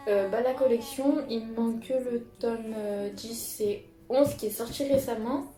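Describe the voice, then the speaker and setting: A woman's voice: fairly high pitch, measured pace, dark tone. Chatty young Frenchwoman in an echoey room. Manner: chatty, hesitant, many fillers and restarts. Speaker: manga vlogger. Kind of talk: casual chat showing purchases. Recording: echoey room with music behind.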